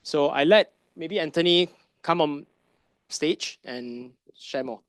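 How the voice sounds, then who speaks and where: A finance advisor presents a masterclass as a conference lecture in a conversational style, often tagging on "right?" and asking rhetorical questions. His voice is a little high and a bit bright, at a slow pace, with no echo.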